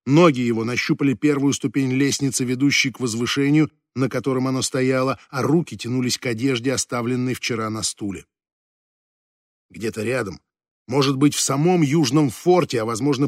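A man reading a fantasy novel aloud as an audiobook narrator, with measured, slow, dramatic phrasing that sinks at the ends of phrases. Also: medium pitch, no room sound, studio quality.

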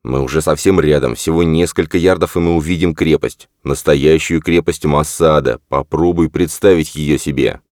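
A man voicing a nervous father in an audiobook, talking in a hurried, eager rush. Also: rumbling low, darkish tone, dry recording, clean studio sound.

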